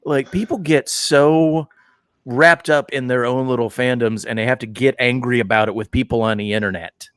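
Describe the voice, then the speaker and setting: A man's voice: medium pitch, normal speed, clear, resonant tone, no room sound. Male podcast host, casual and rambling, mid-range voice, dry close sound. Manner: animated, rambling, many fillers and restarts. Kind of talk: casual chat.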